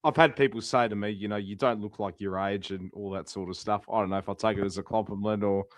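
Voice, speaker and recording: A man's voice: on the low side, steady tone, fast, dry recording, studio quality. A man in his twenties co-hosting a sports podcast, blunt and opinionated, swearing freely. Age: 20s. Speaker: co-host. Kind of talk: casual sports podcast talk.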